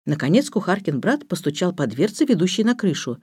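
A woman narrating a children's storybook in a steady, expressive reading voice. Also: on the low side, fairly quick, husky, no room sound, studio quality. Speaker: audiobook narrator.

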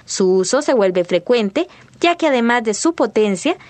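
A woman from Rica, reading a scripted news report in a steady, measured way. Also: fairly high pitch, no room sound. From Costa Rica. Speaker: field reporter.

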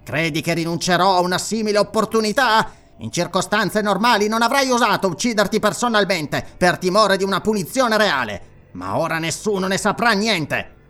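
A man's voice: high voice, lively intonation, normal speed, few pauses, sharp tone, pitched above the performer's own voice. A man voicing a sly, mocking, treacherous priest in an audiobook, with a sneering, ironic delivery. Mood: gloating.

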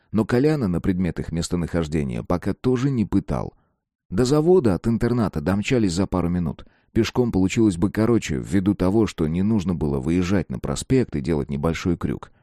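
Male audiobook narrator, low and mellow, casual slangy delivery, dry close sound. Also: very animated, brisk, dry recording. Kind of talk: first-person audiobook narration.

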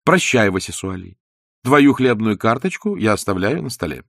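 A man's voice: fairly low pitch, very animated, moderate pace, vocal fry, a bit bright, no room sound, clean studio sound, exaggerated voice. A man voicing an irritable, impatient wife who answers curtly. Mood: curt, irritated. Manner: curt, impatient. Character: irritable, cool-headed wife leaving her husband.

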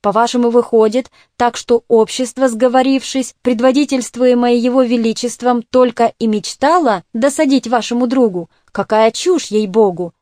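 Hoarse fearful old clerk guy, pleading and worked up, a lady puts him on, dry close sound. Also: a little high, moderate pace, few pauses, mellow, dry recording, natural voice. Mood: agitated. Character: wheezing gouty old male clerk, fearful and fervent.

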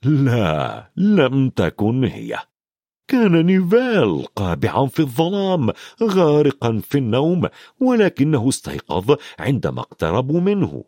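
A man narrating an audiobook dramatically, dropping to a hush for suspense. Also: mid-range voice, huge pitch swings, measured pace, no room sound, clean studio sound. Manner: dramatic, swings from loud to hushed.

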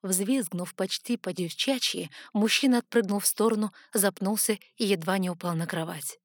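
A woman reading a fantasy novel aloud in steady, measured first-person narration. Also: mid-range voice, dry recording, clean studio sound. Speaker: audiobook narrator.

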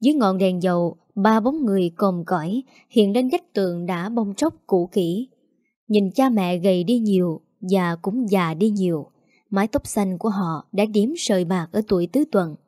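A woman narrating a story in a steady, measured way. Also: medium pitch, dry recording, clean studio sound.

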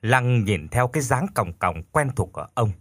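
A man narrating a scripted ghost story in a dramatic, expressive way. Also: medium pitch, normal speed, no echo.

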